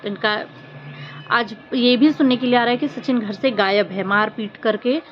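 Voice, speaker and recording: Speaking to her viewers about a social media controversy, a woman with a fairly high voice and normal pace offers informal opinions. She sounds earnest and emphatic, reproaching others through rhetorical questions, on muffled lo-fi audio with a little noise.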